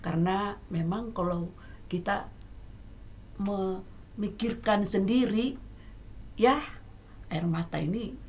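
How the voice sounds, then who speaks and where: A middle-aged woman with an Indonesian accent speaks as a guest songwriter on a talk show, her voice carrying a gravelly edge at an average pitch. She talks casually, pausing on fillers, then presses her points with emphatic energy. A faint hiss of background noise sits under the recording. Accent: Indonesian, Batak. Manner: hesitant with many fillers, grows lively and emphatic.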